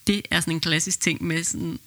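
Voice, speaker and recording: A woman who is a midwife and podcast host, reading a birth story aloud in an even, steady way and then talking it over. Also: low voice, no room sound.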